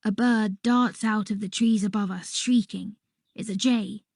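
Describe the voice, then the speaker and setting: A woman reading a first-person children's story aloud in a soft, unhurried voice that sometimes drops to a whisper. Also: medium pitch, steady tone, creaky, no room sound, clean studio sound. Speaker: audiobook reader.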